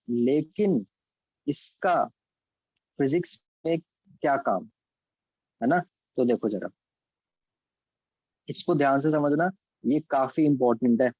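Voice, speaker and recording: A man's voice: fairly high pitch, dark tone, dry recording, highs cut off. A man with an Indian accent teaching calculus step by step in an online class. He mixes English terms into his Hindi explanations and checks in with students by name. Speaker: physics and maths teacher.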